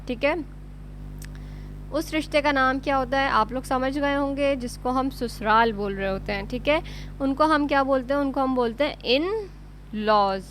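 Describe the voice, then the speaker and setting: A woman's voice: high-pitched, a bit bright, a little hiss or hum. A woman with a Pakistani Urdu accent teaching a beginner English lesson, patiently repeating and spelling words out letter by letter.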